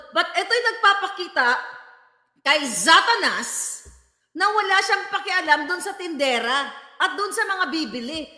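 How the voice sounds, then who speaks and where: Mocking high bright woman. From Visayas. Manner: mocking, scolding, swaps between Tagalog and English. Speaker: political commentary vlogger. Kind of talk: ranting commentary over a video clip. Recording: echoey room with long reverb.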